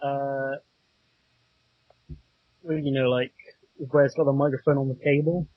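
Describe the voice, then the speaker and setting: A man co-hosting a casual film chat, talking in a halting way. His voice is muffled, as if heard through a wall, picked up by a cable headset mic. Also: mid-range voice, level tone, dry recording. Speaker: podcast co-host.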